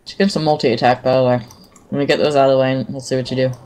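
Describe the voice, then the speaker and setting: A game master running a live tabletop session in a relaxed, chatty way, talking while eating. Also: mid-range voice, rapid-fire. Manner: casual, talks while eating.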